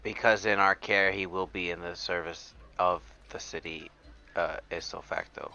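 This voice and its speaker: A man playing a character in a tabletop game, rambling and halting with repeated words. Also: low voice, fairly even intonation, vocal fry, bright, forceful tone. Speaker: player. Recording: dull lo-fi audio.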